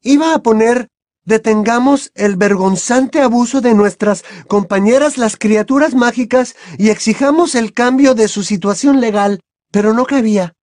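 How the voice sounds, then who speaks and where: A bossy, earnest teenage witch girl speaks in a high, strained voice that's far from the reader's own, voiced by a man. She is insistent and precise, pushing every point hard. It is an audiobook character voice with a dry, close sound. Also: normal speed, darkish tone, no room sound. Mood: earnest, indignant.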